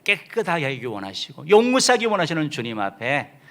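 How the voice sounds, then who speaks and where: Male senior pastor in a church sanctuary, gravelly and bright, emphatic sermon delivery. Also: fairly high pitch, wildly swooping pitch, brisk. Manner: emphatic preaching with sudden loud rises and soft drops.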